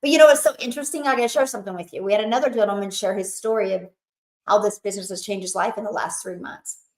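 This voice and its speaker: A woman's voice: medium pitch, fast, echoey room, poor audio. A woman hosting a motivational webinar, talking in a chatty, emphatic way with lots of fillers. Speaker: webinar host.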